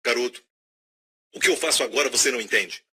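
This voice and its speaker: A man voicing a gentle, patient Jesus who speaks softly and reassuringly to a boy. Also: fast talker, breathy edge, exaggerated voice. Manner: soft, low and reassuring.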